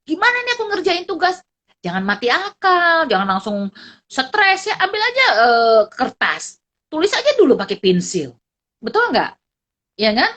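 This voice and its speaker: Lively middle-aged woman lecturer, somewhat high, chatty, teaching online. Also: unhurried. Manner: lively, chatty, ends phrases with tag questions. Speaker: psychology lecturer. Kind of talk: online class talk.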